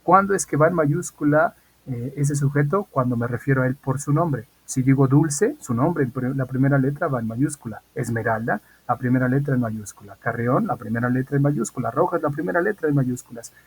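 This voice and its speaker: A man of ordinary pitch with a slightly husky, breathy voice teaches an English class over a computer mic. He is patient and repetitive and keeps checking that his students follow. He speaks as a teacher who is used to talking into a video call. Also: brisk, poor audio. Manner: patient, repeats key points and checks in with "¿ok?". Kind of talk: online class lesson.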